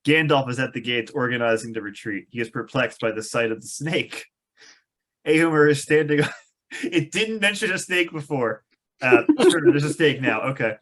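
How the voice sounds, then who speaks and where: At a table read of a film script, a man reads the screenplay's stage directions aloud in an amused, sardonic way, dropping wry asides. His voice sits in the mid range, with lively intonation, a moderate pace, and a fairly bright tone.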